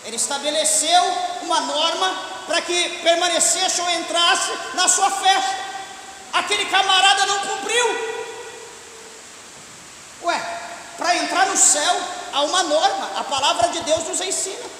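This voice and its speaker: A man preaching a sermon as pastor, impassioned and often shouting. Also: very high voice, measured pace. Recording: echoey church hall with hiss.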